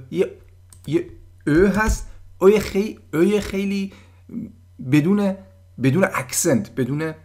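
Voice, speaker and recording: Chatty man teaching German words. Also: fairly high pitch. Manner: patient, chatty, models German words slowly. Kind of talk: casual explanatory lesson.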